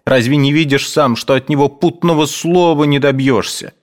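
A sharp-tongued housekeeper scolds and snaps in a raised, pushed-up voice, as a man puts her on. She sounds gruff and impatient, in a storybook reading. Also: fairly high pitch, moderate pace, voice pushed up, lightly acted. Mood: scolding. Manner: scolding, snapping.

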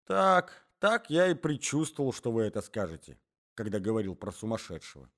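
A man's voice: medium pitch, big pitch swings, normal speed, pitched above the performer's own voice. Man doing a frantic, self-pitying jealous man. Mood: lamenting. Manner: pleading, lamenting, agitated.

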